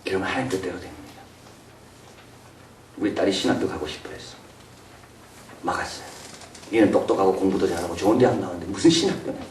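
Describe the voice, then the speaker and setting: A man preaching a sermon as pastor, animated, sometimes acting out the voices of the people he describes. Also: low voice, quick pace, pauses often, a little hiss or hum. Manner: animated, acts out voices of biblical figures and parents. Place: church sanctuary. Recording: roomy echo, mic from a distance.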